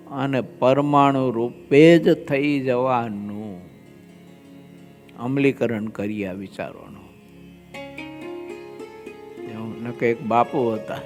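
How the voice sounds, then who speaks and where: A man with a Gujarati accent, a swami giving a devotional scripture discourse, telling anecdotes and voicing the people in them. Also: mid-range voice. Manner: slow, drawn-out delivery with quoted voices in anecdotes. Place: large assembly hall with long reverb.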